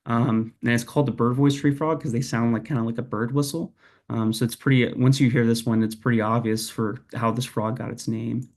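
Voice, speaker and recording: A man's voice: mid-range voice, steady tone, a little fast, darkish tone. A young man giving a casual, hesitant lecture over a video call, with many fillers and restarts. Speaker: presenter. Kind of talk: online lecture presentation.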